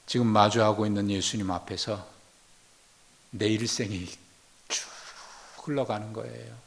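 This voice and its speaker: A male pastor delivering a sermon, retelling a story slowly and reflectively. He swings between hushed, near-whispered passages and loud, emphatic lines. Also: lowish voice, fairly even intonation, creaky.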